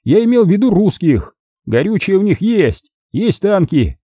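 Starving, sneering young soldier in a storybook, voiced by a male narrator, husky and raised. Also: sits high, big pitch swings, moderate pace, warm tone, no echo, studio quality, pitched above the performer's own voice, full character voice. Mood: bitter, mocking. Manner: scornful, complaining. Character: hungry, embittered young male soldier, mocking.

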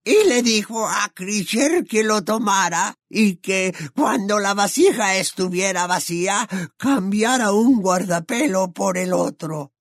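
A man's voice: sits high, expressive, vocal fry, dry recording, clean studio sound, pitched above the performer's own voice, full character voice. A man voicing a groveling, tormented old male house-elf who talks through sobs and stammers. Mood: sobbing grief. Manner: sobbing, halting, stammering. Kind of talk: audiobook character voice.

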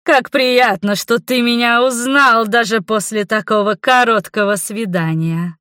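A woman's voice: a little high, unhurried, a bit bright, dry recording, clean studio sound. A woman voicing a sinister undead fire sorceress who cackles, purrs and mocks in a gloating tone, in an audiobook reading. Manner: cackling, purring and mocking. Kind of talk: audiobook character voice.

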